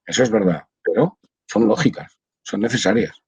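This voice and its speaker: A man's voice: lowish voice, animated, moderate pace, gravelly, darkish tone, husky, no echo, rough recording. An older man from Spain, a translator, explaining his work at length in a casual video-call interview, with many restarts. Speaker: audiovisual translator, interview guest.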